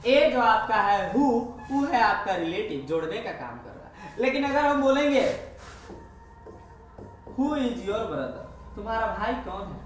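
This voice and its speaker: A man teaching an English grammar lesson, explaining step by step and repeating each example slowly. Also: high voice, very animated, soft background music. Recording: echoey room, far from the mic, faint hiss.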